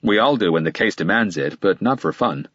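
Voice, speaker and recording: A guarded middle-aged lawyer answers in short, impatient bursts, as a man puts him on for an audiobook. The voice sits a little higher than the reader's own and stays husky. The sound is dry and slightly muffled. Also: expressive, fairly quick, a bit bright, dry recording, exaggerated voice. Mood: defensive.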